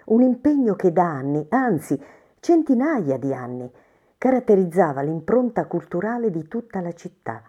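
A woman reads a story aloud in a measured, expressive manner. Her voice sits low, with a dark, mellow tone and a steady storybook narration style.

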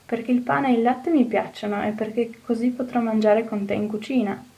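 A woman reading an audiobook, voicing a cheerful, eager little orphan girl who talks in a bright, earnest way. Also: fairly high pitch, steady tone, brisk, creaky, far from the mic, poor audio. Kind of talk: audiobook character voice.

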